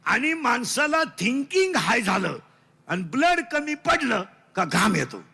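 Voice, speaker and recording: High, bright-voiced Marathi preacher. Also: male voice, very animated, measured pace, gravelly, breathy edge. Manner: loud, teasing, quizzes the crowd in call-and-response; mixes broken English lines into the sermon. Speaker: kirtan preacher. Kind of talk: comic devotional sermon.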